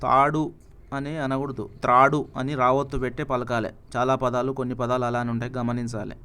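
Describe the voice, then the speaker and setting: A man with a Telugu accent slowly reads dictionary words and their meanings, pausing after each one. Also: mid-range voice, flat delivery, a bit bright, smooth. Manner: reads each word then its meaning, with pauses. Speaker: teacher reading a word list.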